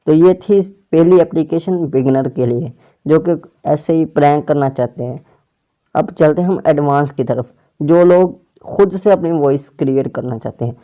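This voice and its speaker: With a warm voice on the higher side, the man hosts a laid-back, step-by-step app tutorial and tends to say his instructions more than once in different words. It's recorded on a clip-on or plugged-in mic that sounds dull and muffled, lo-fi.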